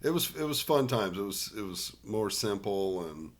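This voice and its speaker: Low-voiced relaxed male podcast guest. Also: normal speed. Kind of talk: casual chat.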